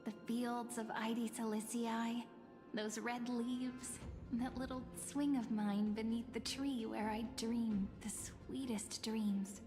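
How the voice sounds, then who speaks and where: A dreamy, teasing young woman from an anime-style game. She speaks slowly in a high, gentle, theatrical voice, in long reverb over music. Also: fairly even intonation. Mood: tender, earnest. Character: sweet, playful young woman, dreamy childhood friend.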